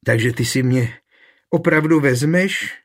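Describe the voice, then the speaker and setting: A man's voice: mid-range voice, lively intonation, close to an everyday voice. Man voicing fretful devout village woman. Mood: hopeful. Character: anxious devout young village woman, earnest.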